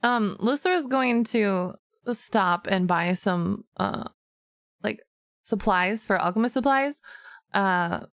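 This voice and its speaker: A woman's voice: mid-range voice, expressive, slow pace, no echo, studio quality. Chatty woman playing a tabletop game. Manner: giggly, chatty, lots of "like". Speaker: player. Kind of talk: tabletop role-play.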